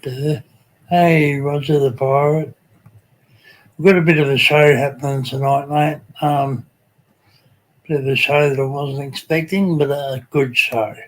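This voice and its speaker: A man with a Tasmanian Australian accent, chatting casually as a livestream host. His delivery is unhurried and fairly flat in pitch. He sounds laid-back and colloquial, often pausing on an um as he gathers the next phrase. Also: low-quality recording. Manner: laid-back, colloquial, hesitant with frequent ums. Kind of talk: casual live chat, greeting viewers.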